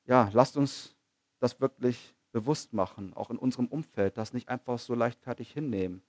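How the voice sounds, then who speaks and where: A man preaching a sermon in an earnest manner, asking rhetorical questions, repeating phrases and slowing down on key lines. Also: medium pitch, a little mellow, dry recording.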